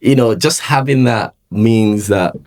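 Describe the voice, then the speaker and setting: Deep-voiced Nigerian-born man telling stories. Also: a little slow. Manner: relaxed storyteller, many fillers, laughs often. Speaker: guest. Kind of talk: casual conversation.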